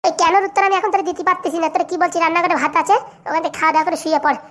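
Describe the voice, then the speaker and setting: Squeaky fast-talking cartoon mom who bosses everyone around. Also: steady tone, fairly bright tone. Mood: bossy. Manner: scolding, giving orders. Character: scheming bossy mother, middle-aged woman. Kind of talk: cartoon voice acting.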